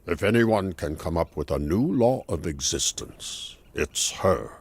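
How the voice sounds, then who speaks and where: In a game cutscene, a wise male mage explains things calmly and patiently in a full character voice. His very low, husky voice swings lively in pitch while his delivery stays measured and steady.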